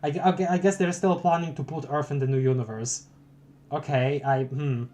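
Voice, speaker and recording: A man's voice: on the high side, fairly even intonation, brisk, warm tone. Rambling young male streamer reading live. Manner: rambling, stammering, chatting with viewers. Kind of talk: live-reading a webcomic aloud.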